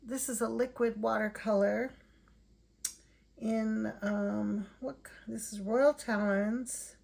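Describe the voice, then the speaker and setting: A tired woman chats quietly while swatching paints at home, thinking aloud in a slightly high, husky voice with a gravelly fry. She speaks slowly and softly, as if at the end of a long day. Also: steady tone. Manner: soft-spoken, unhurried, thinking aloud. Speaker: art channel host.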